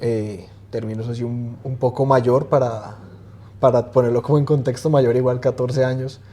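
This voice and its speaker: Guy, 20s, mellow tone, easygoing interview guest with lots of "em"s. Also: mid-range voice, moderate pace. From Colombia. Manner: relaxed, hesitant, many fillers and restarts. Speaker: guest swimmer. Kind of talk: casual interview chat.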